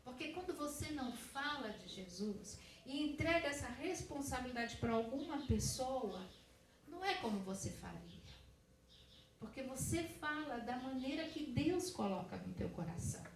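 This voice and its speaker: High-voiced woman preaching in an echoey church. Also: expressive, moderate pace, slight background noise. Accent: Brazilian Portuguese. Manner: conversational, addresses congregation directly. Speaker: missionary preacher. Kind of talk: sermon testimony. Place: church hall. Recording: echoey church hall, distant mic.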